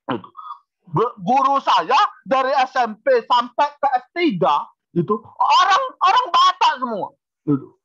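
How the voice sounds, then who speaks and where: Animated male law lecturer, lo-fi sound. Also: high-pitched. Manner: animated storytelling with frequent "gitu" asides. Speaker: law professor. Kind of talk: university lecture.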